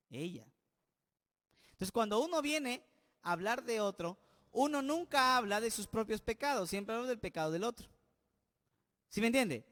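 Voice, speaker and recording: A pastor preaching an emphatic sermon, often putting questions to the congregation. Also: male voice, high-pitched, a bit bright. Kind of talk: expository sermon. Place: church. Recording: long church-hall reverb.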